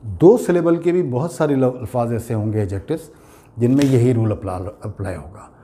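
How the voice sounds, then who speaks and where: A man's voice: medium pitch, moderate pace, warm tone. A man with an Urdu accent teaching English grammar, explaining patiently and spelling words out letter by letter. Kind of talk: classroom grammar lesson.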